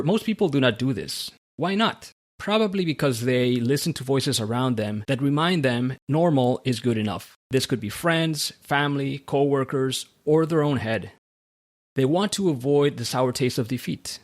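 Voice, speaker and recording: A man from Central America, hosting a podcast in a measured, read-aloud manner. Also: mid-range voice. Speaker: podcast host. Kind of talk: scripted podcast monologue and interview.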